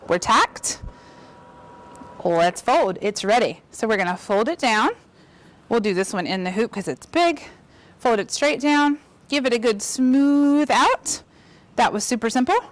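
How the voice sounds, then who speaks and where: A woman giving an upbeat, chatty embroidery demonstration, encouraging viewers as she works. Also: mid-range voice. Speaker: embroidery instructor. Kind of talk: casual demonstration.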